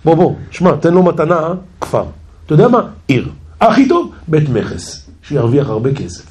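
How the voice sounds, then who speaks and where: A man voicing a panicky, scheming male royal adviser in a comic retelling of an old tale, talking fast and wheedling. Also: fairly high pitch, sing-song, darkish tone, slightly rough.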